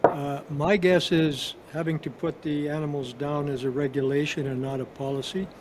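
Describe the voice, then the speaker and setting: Measured male host, slightly high voice. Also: flat delivery, a little mellow, a little hiss or hum. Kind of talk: interview commentary.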